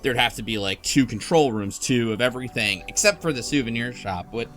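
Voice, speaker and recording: Brisk and a bit bright, a medium-pitched male voice wanders through his thoughts on a visual novel during a relaxed podcast chat, sounding tentative as he thinks aloud. He is one of the panelists. Faint background music can be heard.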